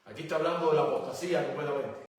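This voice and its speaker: A male pastor delivers a sermon, reading scripture aloud before breaking it down with rhetorical questions. His voice sits a little high for a man. It comes from well away from the microphone and rings heavily around a church hall. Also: steady tone, rapid-fire. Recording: very echoey church hall, voice from a distance.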